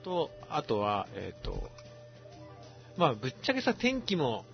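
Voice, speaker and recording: A man's voice: mid-range voice, huge pitch swings, a little slow, creaky. A man hosting a podcast, chatting casually and demonstrating things as he talks. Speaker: podcast host. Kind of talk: casual chat. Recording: lo-fi podcast audio with faint music.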